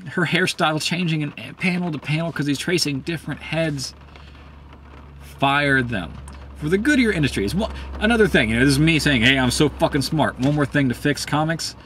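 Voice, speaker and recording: A man giving a casual, profane, heated commentary, rambling with many fillers and swinging up in pitch when worked up. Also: expressive, moderate pace, a bit bright, a little hiss or hum. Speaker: host.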